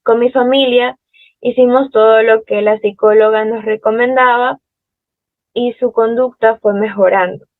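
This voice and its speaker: A young woman speaks earnestly, reading a prepared account. Her voice is fairly high. It sounds thin and phone-like, with no room around it. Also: fairly even intonation, a little slow, dry recording. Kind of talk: prepared personal testimony.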